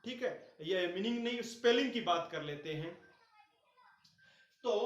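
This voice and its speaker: A high-pitched male teacher explains grammar. He asks questions and answers them himself, and drills each point. His voice booms around a very echoey room, heard from some distance from the mic. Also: fairly bright tone. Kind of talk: classroom-style grammar lesson.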